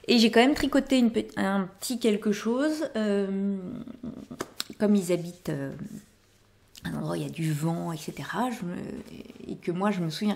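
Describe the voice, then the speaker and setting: A woman's voice: mid-range voice, vocal fry, darkish tone. A middle-aged woman hosting a knitting and sewing podcast, chatting her way through her finished projects and often wrapping up with "voilà". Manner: chatty, rambling explanations with frequent "voilà". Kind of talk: casual show-and-tell of finished projects.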